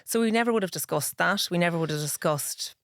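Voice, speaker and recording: In a dry, studio-quality recording, a fast-talking woman with a lowish voice appears as a podcast guest. She's a middle-aged Irish pharmacist with a Northern Irish accent, straight-talking and frank, giving detailed explanations in a conversational interview.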